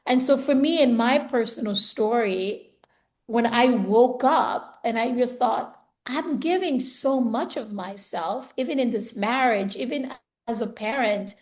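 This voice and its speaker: A woman's voice: on the high side, a little slow. A woman who was born in Zambia and raised in the US, talking earnestly and reflectively in a casual conversation, often saying "you know" and "like". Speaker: podcast conversation partner. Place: home, based in Italy.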